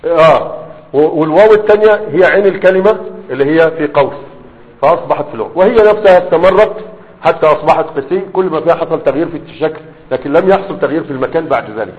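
A man with an Egyptian Arabic accent teaching a grammar lesson, often pausing on fillers and checking in with rhetorical questions. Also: fairly high pitch. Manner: pauses often with drawn-out fillers while writing. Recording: dull, reverberant classroom-style recording.

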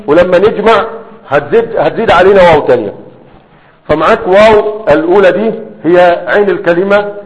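A man with an Egyptian Arabic accent teaching a grammar lesson, often pausing on fillers and checking in with rhetorical questions. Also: high voice. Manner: pauses often with drawn-out fillers while writing. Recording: dull, reverberant classroom-style recording.

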